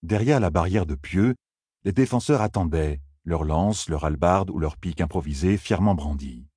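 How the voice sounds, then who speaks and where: A man narrating a fantasy audiobook in a dramatic, expressive reading on a close mic. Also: low voice, moderate pace, slightly rough, no room sound.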